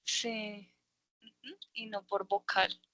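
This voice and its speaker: Woman english teacher, slow and patient, bright voice, dry close sound. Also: mid-range voice, level tone, no echo. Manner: patient, explains slowly with many fillers. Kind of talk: online class. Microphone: video call.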